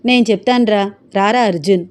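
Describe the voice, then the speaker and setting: A woman's voice: medium pitch, fairly quick, natural voice. A woman voicing a bossy older aunt who commands and explains family matters in a storybook reading. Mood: commanding.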